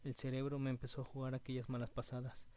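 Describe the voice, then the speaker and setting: Dark-voiced man narrating a horror tale. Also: mid-range voice, completely flat delivery. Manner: measured and suspenseful, slowing on tense moments. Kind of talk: first-person horror narration.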